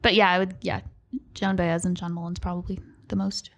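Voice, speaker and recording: A woman's voice: on the low side, little pitch movement, a little fast. Hesitant young woman singer, laughing easily. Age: 20s. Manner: hesitant, laughs often, many fillers. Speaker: guest singer-songwriter. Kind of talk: casual interview chat.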